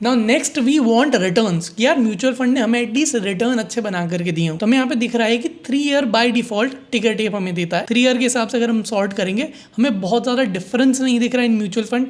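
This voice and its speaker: Male finance YouTuber, casual tutorial delivery, steady step-by-step walkthrough of numbers. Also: very high-pitched. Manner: conversational, walks through numbers step by step. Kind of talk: screen-share explainer mixing Hindi and English.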